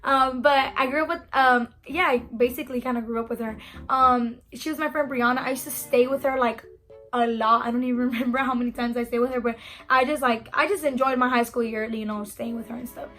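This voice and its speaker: A young adult woman telling a storytime vlog in a chatty, animated way, full of "like" and "you know". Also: on the high side, a little fast, soft background music. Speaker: vlogger.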